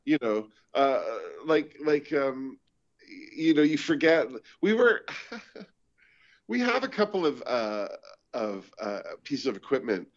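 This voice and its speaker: A middle-pitched man from Canada tells haunted-location stories with comic timing, often popping into the voices of the people he quotes. He talks like a stand-up comedian chatting with a host. The audio is dull and lo-fi. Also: slow. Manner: animated storytelling, acts out quoted voices. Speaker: comedian and show host, guest. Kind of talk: casual chat, storytelling.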